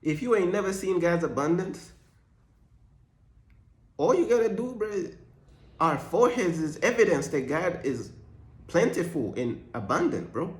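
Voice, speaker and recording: A young man from Uganda riffs through a faith vlog in loose, slangy talk, mixing jokes with preaching. His voice sits a little high for a man. The room around him rings with echo. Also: very animated, a little slow, pauses often. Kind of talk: casual faith vlog monologue.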